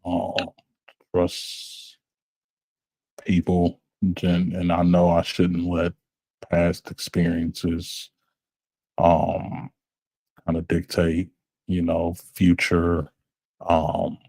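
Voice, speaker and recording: A man co-hosting a podcast, speaking in a halting, reflective way with many fillers, in a small dry room. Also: sits low, monotone, vocal fry, a little mellow, no room sound. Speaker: podcast co-host. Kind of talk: casual chat.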